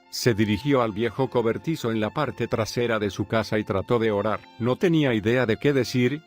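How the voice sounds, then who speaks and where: A man reading a scripted biographical documentary narration in a steady, measured storytelling manner. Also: medium pitch. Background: soft background music.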